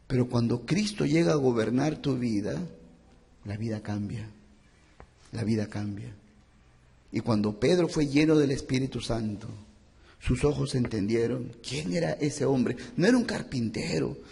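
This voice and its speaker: A man's voice: fairly high pitch, gravelly, a little mellow, long reverb tail. A man preaching a sermon as a pastor, impassioned and repeating phrases for emphasis. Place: church.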